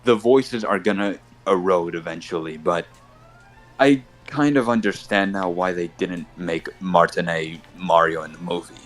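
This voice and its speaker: A tournament host with a deep voice chats casually while gaming, rambling at a measured pace with lots of "you know" fillers. A native Spanish speaker, he has a mixed Colombian Spanish and Brooklyn accent, and soft music plays behind him.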